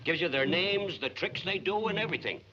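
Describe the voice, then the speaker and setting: An easygoing, obliging animal owner speaks in a slightly high voice. It is 1940s screwball comedy banter on a muffled, noisy film track. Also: male voice, expressive, fairly quick. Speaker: film actor.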